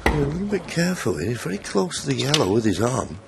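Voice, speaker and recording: Hushed, creaky male snooker commentator over arena noise. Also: medium pitch, very animated, quick pace. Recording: crowd and loud arena noise behind. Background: snooker arena crowd ambience.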